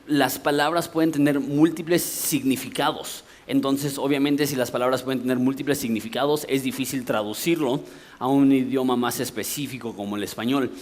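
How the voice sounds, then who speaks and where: A Mexican pastor preaches from the pulpit in a medium-pitched, fairly even voice at a moderate pace. He explains things conversationally and poses rhetorical questions, speaking with a Mexican Spanish accent.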